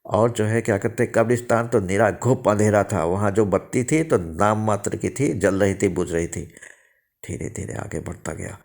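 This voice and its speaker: Low-voiced man telling a ghost story. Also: normal speed, gravelly, darkish tone. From India. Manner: rambling, with many fillers and restarts. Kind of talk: first-person ghost story narration.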